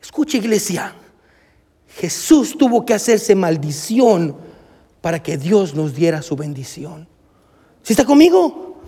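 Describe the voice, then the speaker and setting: A man's voice: sits high, sing-song, takes it slowly, pauses often, mellow, breathy edge. A male pastor preaching a sermon emphatically, speaking straight to his congregation. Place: church. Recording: long reverb of a church hall.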